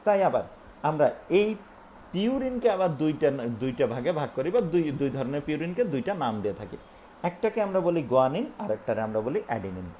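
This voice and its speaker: A man's voice: medium pitch, mellow, slight background noise. A male teacher giving a recorded online lesson, explaining step by step and asking and answering his own questions. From Bangladesh.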